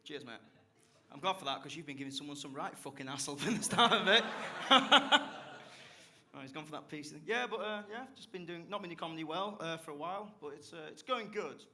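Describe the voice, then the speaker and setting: A man's voice: fairly high pitch, brisk, pushed and bright. A young man from South Yorkshire with a South Yorkshire accent, doing a live stand-up set on a comedy club stage with cheeky, sweary banter aimed at the crowd. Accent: South Yorkshire English. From Barnsley, South Yorkshire, England.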